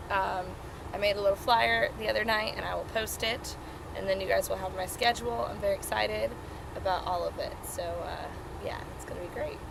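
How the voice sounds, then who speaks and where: A woman's voice: medium pitch, creaky, noisy background. A woman hosting a casual livestream from inside a small RV trailer, talking in a folksy, chatty, welcoming way. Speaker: livestream host and singer-musician. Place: inside an RV with air conditioning running. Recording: small trailer interior, music behind.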